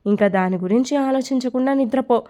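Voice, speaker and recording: A woman's voice: high voice, a little fast, warm tone, lightly acted. A woman voicing a kind, reassuring lady boss.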